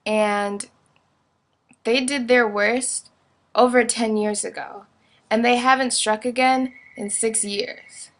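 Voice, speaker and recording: A woman vlogger speaks slowly to camera in a fairly high, steady voice. She gives an earnest explanatory commentary and asks pointed questions.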